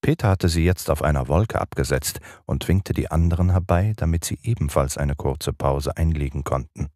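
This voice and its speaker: A man narrating a children's audiobook in an expressive storytelling manner. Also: very deep voice, moderate pace, no room sound, clean studio sound.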